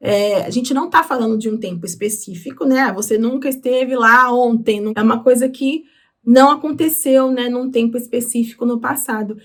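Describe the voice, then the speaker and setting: A woman with a Brazilian Portuguese accent teaching English through song lyrics, explaining patiently and slowing down on words. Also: on the high side. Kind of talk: explaining lyrics in a language lesson.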